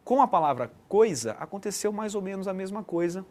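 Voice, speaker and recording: A man's voice: sits high, animated, a little fast, a little mellow, a little hiss or hum. A man giving an explanatory online lesson as a teacher, checking in with the listener often. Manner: didactic, frequent "né" tag questions.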